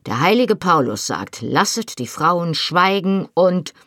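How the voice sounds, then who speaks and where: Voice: medium pitch, sing-song, slow, bright, forceful tone, dry recording, studio quality, pitched above the performer's own voice, heavily acted. A reader voicing a stern man who preaches indignantly about scripture. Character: stern pious man scolding from the dark. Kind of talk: audiobook character reading.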